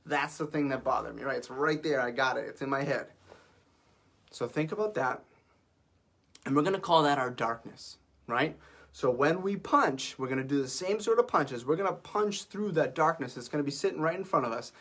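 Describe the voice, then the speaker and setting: A man's voice: fairly high pitch, lively intonation, moderate pace. A young man teaching a martial arts class to camera from an office, upbeat and coaching, a little out of breath. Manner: upbeat, coaching, counts out loud and shouts "ha" on punches. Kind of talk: guided workout class to camera. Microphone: camera facing him.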